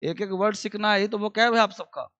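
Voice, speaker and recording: A man's voice: sits high, fairly quick, sharp tone, lo-fi sound. A man teaching a basic English class, drilling words and repeating questions for students to answer.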